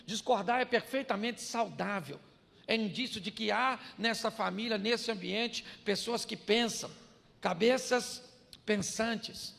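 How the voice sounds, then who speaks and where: A man's voice: very high voice, vocal fry, fairly bright tone. An older man, preaching a humorous sermon, joking and acting out household dialogues. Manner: jokey, acts out household dialogues, laughs often. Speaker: pastor. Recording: long reverb of a large hall.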